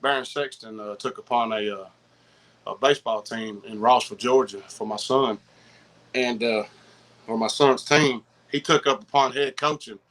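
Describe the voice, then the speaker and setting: Excitable Southern man with a bright, forceful voice. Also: medium pitch, moderate pace, low-quality recording. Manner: excitable, slangy, repeats himself. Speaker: podcast guest. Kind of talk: casual chat, rambling anecdotes.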